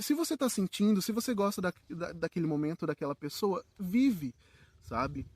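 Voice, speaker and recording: A man's voice: fairly high pitch, dry recording. A young man with a Brazilian Portuguese accent, giving an earnest, informal monologue and swearing freely. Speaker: solo podcaster. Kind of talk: casual heartfelt monologue.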